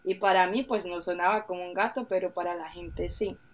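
A woman's voice: fairly low pitch, steady tone, fairly quick. Woman co-host, frank and emphatic, casual conversational delivery. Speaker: podcast co-host, mother.

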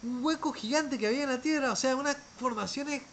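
A man's voice: very high-pitched, brisk, a bit bright, a little hiss or hum, rough recording. A man tells travel stories casually, rambling, often restarting words and trailing off. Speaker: traveler telling a story.

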